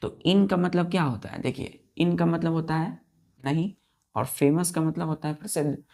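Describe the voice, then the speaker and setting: A woman teacher leads a vocabulary lesson, spelling each word letter by letter and counting the letters aloud. Her voice sits low and has a gravelly, creaky edge. She keeps asking her students questions as she goes. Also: normal speed, darkish tone. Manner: asks the class repeated questions.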